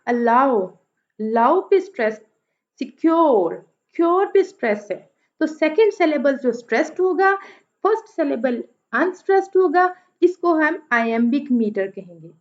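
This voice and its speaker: High-voiced woman teaching a lecture. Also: lively intonation, a little mellow, lo-fi sound. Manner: explains slowly, repeating examples and stressing words. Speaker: literature teacher. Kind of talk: lecture in Urdu mixed with English.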